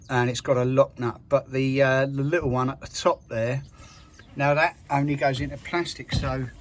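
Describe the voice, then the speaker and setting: A man's voice: mid-range voice, a little hiss or hum. A man casually talking through a van repair as he works, plain-spoken and full of fillers and restarts. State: out of breath. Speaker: van mechanic showing a repair. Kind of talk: casual how-to talk.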